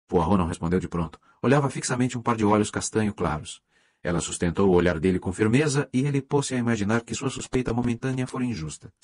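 A male narrator reads a mystery audiobook in a measured, even way. His voice is very deep and somewhat husky, and the recording is dry and close, with no room sound. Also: no room sound. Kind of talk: scripted narration.

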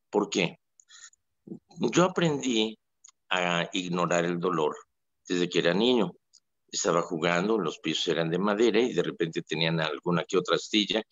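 A man, a priest, speaks on his radio show in a low voice while ill and in pain. He wanders through folksy stories with many fillers and pauses. The sound is dry and a little dull and lo-fi. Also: a bit bright, no echo. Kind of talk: casual spoken reflection on a radio show.

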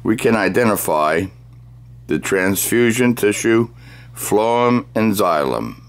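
A middle-aged man presenting a scripted science demonstration, speaking deliberately as if dictating, phrase by phrase. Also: lowish voice, lively intonation. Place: small cluttered indoor workroom.

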